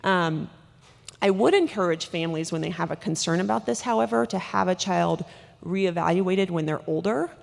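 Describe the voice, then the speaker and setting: A woman doctor giving a conference lecture, talking quickly with lots of fillers and restarts, in a large conference hall. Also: on the low side, gravelly. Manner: rapid, with many fillers and restarts. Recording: hall reverb.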